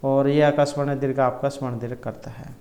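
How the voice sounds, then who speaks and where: A man's voice: medium pitch, little pitch movement, brisk, dark tone, dull audio. A man teaching an exam-prep lesson, explaining multiple-choice answers and reciting terms and grammar rules one by one. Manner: self-corrects mid-sentence. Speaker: Sanskrit exam tutor.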